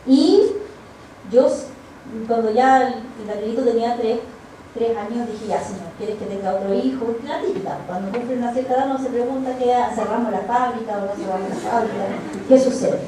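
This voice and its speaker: A Chilean woman giving a personal testimony at church, telling her story in a lively way and acting out the dialogue. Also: fairly high pitch, fairly quick, background noise. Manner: animated storytelling, acts out quoted dialogue. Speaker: church speaker. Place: church hall. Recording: very echoey hall, voice far from the mic.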